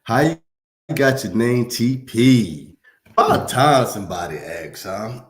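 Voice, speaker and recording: A man's voice: mid-range voice, lively intonation, slow, reverberant. A man from Louisiana, hosting a casual livestream, reading viewer comments and talking to them in a laid-back, slangy way. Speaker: livestream host.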